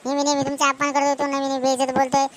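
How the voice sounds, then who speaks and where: A woman with a Varhadi Marathi accent playing a sharp-tongued young village woman who defends her father in a comedy skit. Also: sits high, completely flat delivery, rapid-fire, close to an everyday voice. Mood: defiant. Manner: sharp, confrontational.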